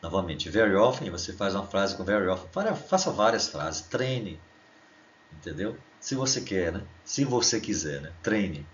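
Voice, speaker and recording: A middle-aged Brazilian man whose first language is Portuguese, teaching an online English lesson and explaining at length with constant "né?" and slowly spelled-out examples. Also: deep voice, sing-song, muffled recording, a little hiss or hum.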